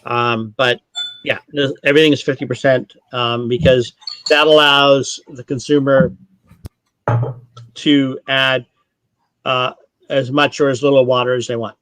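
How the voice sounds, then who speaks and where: A Canadian-raised man at the middle of the male pitch range talks through a relaxed video-call tasting. He explains at length, often stopping to correct himself. The recording is close and dry, with no room sound. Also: a little slow, long pauses, no echo. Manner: explanatory, rambling, with frequent self-corrections. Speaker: distillery brand ambassador. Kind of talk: casual online tasting chat.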